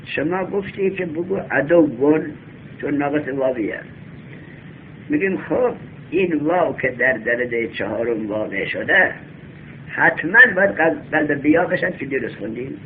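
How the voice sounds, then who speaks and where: A man's voice: fairly high pitch, expressive. Man teaching a class on a tinny recording. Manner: reads a text slowly, then explains and quizzes students. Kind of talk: classroom lesson on Arabic grammar. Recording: tinny lo-fi recording with faint hum.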